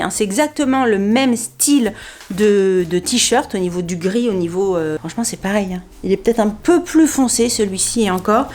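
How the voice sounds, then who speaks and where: A woman's voice: on the high side, slight background noise. A woman chatting casually through a clothing try-on haul, talking to herself and laughing often. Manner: playful sound effects and filler words. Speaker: fashion haul vlogger.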